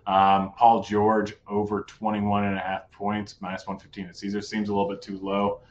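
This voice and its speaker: In a muffled recording, a man with a lowish, monotone voice hosts a live sports betting show. He chats and jokes casually, giving a fast rundown of his picks as hoarseness creeps into his voice.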